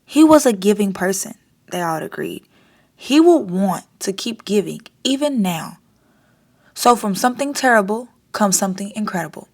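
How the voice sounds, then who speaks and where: This is a storytime host, a woman reading a picture book for kids. She speaks in a mid-range voice, deliberately and with plenty of expression.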